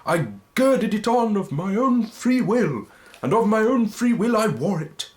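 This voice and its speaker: A tormented ghost bound in chains wails in a high, quavering voice. His lines swoop wildly up and down and stretch out slowly and heavily, like a storybook reading. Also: expressive. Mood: grave. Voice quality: high, quavering, drawn-out wail.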